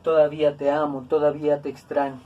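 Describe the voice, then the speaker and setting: A woman's voice: sits low, level tone, fairly quick, phone-quality sound. Patient woman teaching grammar, slightly distant. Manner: patient, repeats examples, tag questions and fillers. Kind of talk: explanatory lesson.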